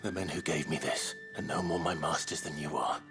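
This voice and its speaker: Very low, gravelly game hero. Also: male voice, level tone, moderate pace, music in the background. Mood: indignant. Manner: terse, understated, wary delivery. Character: guarded, gruff young male fugitive hero. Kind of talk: scripted video game acting.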